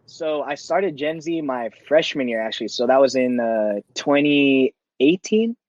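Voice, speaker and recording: A man's voice: medium pitch, lively intonation, measured pace, no echo, muffled recording. A man of twenty-one, a dancer, talking through a casual interview in a laid-back, reflective way and laughing often. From California, USA. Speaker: guest, dancer.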